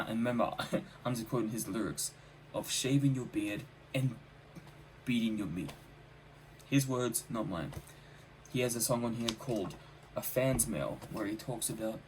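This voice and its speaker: A man's voice: fairly low pitch, slight background noise, low-quality recording. A man giving a casual, enthusiastic spoken music review, stressing points by repeating his phrases. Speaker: album reviewer.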